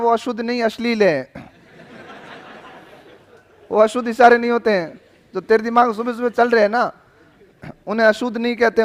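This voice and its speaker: High-voiced teacher lecturing a class. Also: male voice. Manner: joking, questioning; repeats questions to the class.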